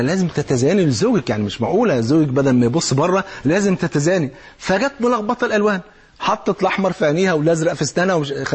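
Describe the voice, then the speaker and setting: A man preaching in colloquial Egyptian Arabic. He gives lively marriage advice and often checks in with his listeners through rhetorical questions. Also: a little high, husky. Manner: animated, acts out little dialogues, coaxing rhetorical questions. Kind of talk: colloquial religious advice talk.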